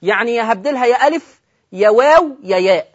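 A man with an Egyptian accent teaching Quran recitation on television, quizzing his listeners, repeating key points and slowing down to recite examples. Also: very high voice, lively intonation. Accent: Egyptian Arabic. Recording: dull lo-fi broadcast audio.

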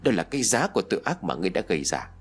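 A man's voice: low-pitched, very animated, racing, slight background noise, voice pushed down. A man voicing a vengeful female ghost who accuses her killers in cold, cutting speech. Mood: accusing.

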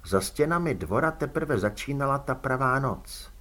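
A man narrating an audiobook in measured, expressive storytelling. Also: mid-range voice. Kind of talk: scripted narration.

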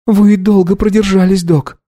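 A man's voice: sits high, level tone, moderate pace, dark tone, voice pushed up. Man voicing a frightened young woman. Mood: tearful. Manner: frightened, tearful.

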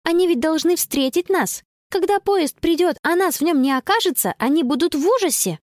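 A woman voicing an anxious, excitable young girl with a high, breathless voice, reading a storybook. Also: a little fast, no room sound, clean studio sound. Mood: pleading.

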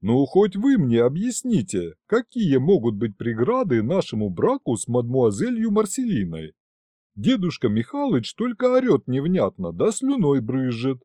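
A man's voice: mid-range voice, huge pitch swings, normal speed, dark tone, no echo. A man voicing a courteous, earnest ambassador who speaks formally and sounds confused. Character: polite, earnest French ambassador, middle-aged man.

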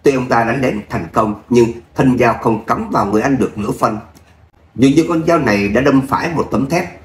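A man narrating a serialized web novel episode in a steady storytelling voice. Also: medium pitch, fairly quick, reverberant. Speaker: audiobook narrator.

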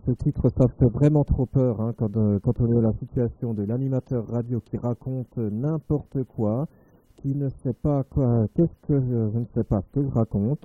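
A man's voice: medium pitch, no room sound, phone-quality sound. A man hosting a live web radio show, rambling and hesitant with lots of filler sounds, self-mocking as he reads listener chat aloud. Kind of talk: improvised live radio chatter.

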